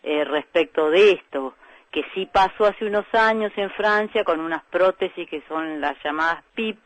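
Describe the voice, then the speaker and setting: A woman doctor with an Argentine accent, calmly explaining medical points as a guest in a radio interview, with frequent hesitation fillers. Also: on the low side, normal speed, no echo, rough recording. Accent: Argentine Spanish. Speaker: breast specialist doctor, guest.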